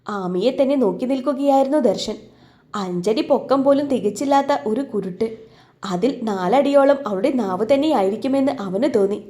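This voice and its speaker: Storyteller woman, high voice, dark mellow tone, steady narration. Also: normal speed. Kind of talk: scripted narration.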